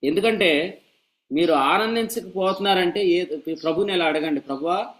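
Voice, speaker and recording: A pastor preaching a sermon to a church meeting, in a voice pitched a little above most men. He is lively and pointed, teasing and scolding his listeners with humor and firing off rhetorical questions. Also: moderate pace, rough recording.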